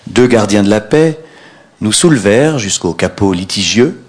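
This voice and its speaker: A man's voice: fairly low pitch, expressive, normal speed. A middle-aged man, an author, reading his own book aloud wryly and chatting with an audience. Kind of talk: literary reading and audience chat.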